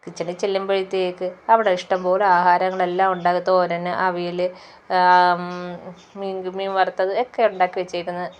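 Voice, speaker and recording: A woman's voice: fairly low pitch, completely flat delivery, normal speed, clear, resonant tone. A woman casually retelling a TV serial episode, rambling on with fillers and repeated "she says" tags.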